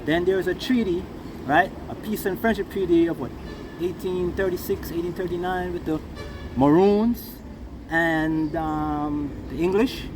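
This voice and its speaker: Jamaican guy doing rasta style reasoning, highish voice, fired up, keeps checking you get it, noisy outside w cars. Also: a little slow. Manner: Rasta-style speech, emphatic, often checking the listener follows. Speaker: interviewee. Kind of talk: impassioned informal reasoning. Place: outdoors near passing vehicles. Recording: noisy outdoor recording with traffic.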